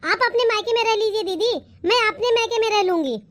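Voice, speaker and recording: A woman's voice: extremely high pitch, fairly quick, over loud music. A woman voicing a fed-up young daughter-in-law who protests sharply in a cartoon. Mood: defiant.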